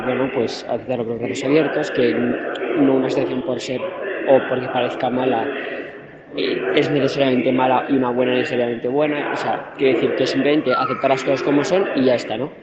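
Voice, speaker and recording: A man leaving a question as a distorted, lo-fi phone voice message, hesitant and restarting his sentences as he searches for words. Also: medium pitch. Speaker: listener sending a question. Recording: muffled lo-fi voice note with loud vehicle noise.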